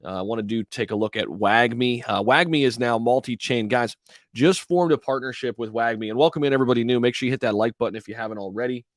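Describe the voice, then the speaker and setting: A man's voice: mid-range voice, quick pace, no echo, studio quality. A man hosting a crypto livestream with slangy, promotional crypto bro hype, talking casually to his viewers.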